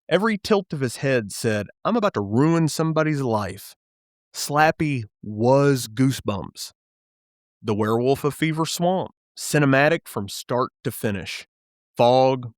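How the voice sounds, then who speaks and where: A man's voice: on the high side, dry recording, clean studio sound. A man in his thirties hosting a podcast, narrating a scripted nostalgic piece in a playful, enthusiastic way with comic asides. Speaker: podcast host.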